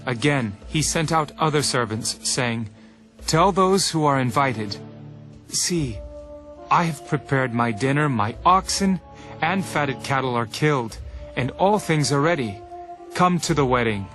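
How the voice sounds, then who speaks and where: An actor playing Jesus in a scripture audio drama, a teacher speaking parables with solemn, measured authority. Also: male voice, medium pitch, lively intonation, fairly bright tone. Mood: measured storytelling. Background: music.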